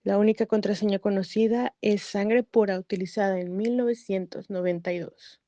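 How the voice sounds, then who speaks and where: A woman's voice: medium pitch, fairly even intonation, moderate pace, mellow. A woman hosting a video, reading an informative script and carefully sounding out foreign names, sometimes unsure of the pronunciation. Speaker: YouTube channel host. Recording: slightly dull, dry recording.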